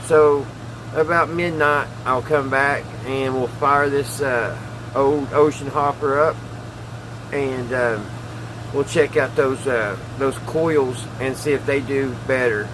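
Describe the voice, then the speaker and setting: This middle-aged man hosts a hobby radio repair channel and talks from a small wood-panelled workshop indoors, with a noisy background. His voice is medium-pitched and steady, and he speaks slowly. He muses aloud in a relaxed, folksy, somewhat hesitant manner while showing his hands-on tinkering.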